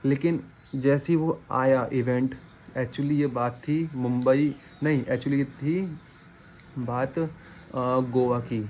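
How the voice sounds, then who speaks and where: A man's voice: mid-range voice, fairly even intonation, slow pace, a little mellow, muffled recording, a little hiss or hum. A man delivering a casual, rambling opinion rant to his viewers, scolding and disappointed, often repeating himself. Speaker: vlogger.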